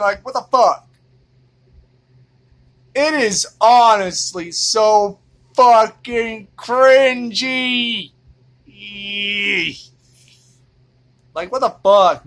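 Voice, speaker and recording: A man's voice: high voice, a bit bright. A man from Indiana ranting in a vlog monologue, exasperated and profane, repeating himself as he goes. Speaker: vlogger.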